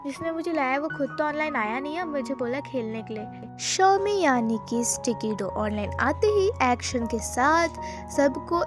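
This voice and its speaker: Woman, high voice, casual drama recap, chatty storytelling, clear background music. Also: expressive, normal speed. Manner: chatty, loose storytelling with frequent fillers. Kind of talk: casual retelling of a drama plot.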